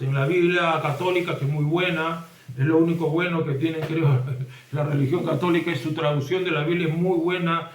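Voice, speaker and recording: A man with a Peruvian accent preaching a sermon as a pastor, emphatic and addressing the congregation directly. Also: fairly high pitch. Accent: Peruvian Spanish. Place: church hall. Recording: echoey room, voice from far off.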